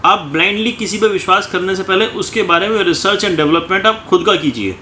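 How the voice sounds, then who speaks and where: A man's voice: sits high, moderate pace, sharp tone. A man who coaches students, giving a motivational talk in short, repeated phrases. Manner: talks in repeated short phrases, often ends with "ठीक है". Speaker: coaching teacher. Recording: echoey room, faint ambient noise.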